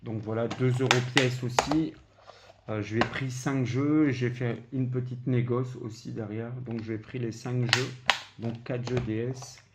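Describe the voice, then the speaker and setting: A man's voice: medium pitch, steady tone, unhurried. A man with a Belgian French accent casually showing his flea market video game finds, hesitant with many filler sounds. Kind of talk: casual vlog commentary. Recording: dull lo-fi home recording with noise.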